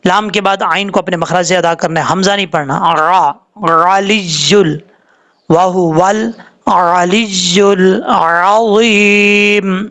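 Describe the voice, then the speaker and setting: A man teaching Quran recitation rules, explaining calmly and drawing out the words he demonstrates. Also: high voice. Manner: explains slowly, drawing out Arabic words when showing them. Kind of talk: tajweed lesson with slow demonstrations.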